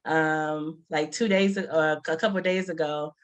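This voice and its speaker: A woman hosting a casual interview, playful and quick to laugh, repeating lines for emphasis. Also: low voice, fairly even intonation. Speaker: host.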